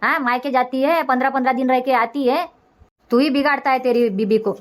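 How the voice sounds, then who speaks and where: A scolding, high-voiced cartoon mother-in-law who complains without pause, as a woman voices her. She is a middle-aged village matriarch, bossy and aggrieved. The tone stays sharp with nagging. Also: fairly even intonation, lightly acted.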